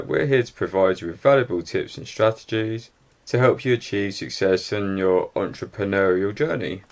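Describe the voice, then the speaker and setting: A man reviewing software, giving an upbeat, explanatory screen-recorded walk-through. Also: low-pitched.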